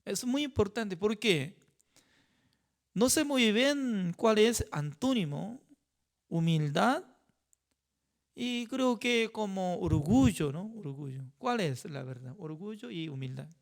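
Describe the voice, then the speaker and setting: Slow, halting male pastor teaching scripture. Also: high-pitched, animated, creaky. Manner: halting, with frequent rhetorical "¿no?" asides; non-native phrasing with simple grammar. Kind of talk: Bible study teaching.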